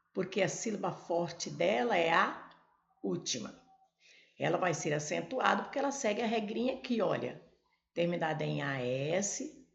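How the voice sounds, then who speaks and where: A woman's voice: fairly low pitch, gravelly, roomy sound, highs cut off. A Brazilian woman teaching a Portuguese grammar lesson for exam prep, explaining step by step and talking straight to her viewers. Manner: slow, explanatory, addresses viewers directly.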